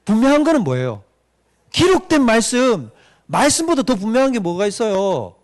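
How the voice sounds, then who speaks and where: A man's voice: extremely high pitch, big pitch swings, normal speed. A man, a pastor, giving a doctrine lecture and retelling a story with questions to the audience.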